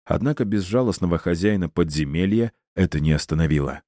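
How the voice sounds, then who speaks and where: A man narrating an audiobook in a measured, even reading style, close to the mic. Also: low-pitched, no room sound. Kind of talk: scripted narration.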